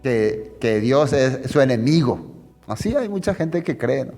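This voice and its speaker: A man's voice: mid-range voice, big pitch swings, measured pace, creaky, darkish tone, long reverb tail, soft background music. Man preaching a conversational Bible sermon. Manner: conversational, asks the audience "¿no?" often.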